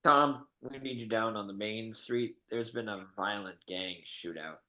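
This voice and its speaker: A man's voice: lowish voice, pushed and bright. A man playing a joking, mock-serious small-town policeman in a script read. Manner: mock-serious, slow, then giggly and teasing.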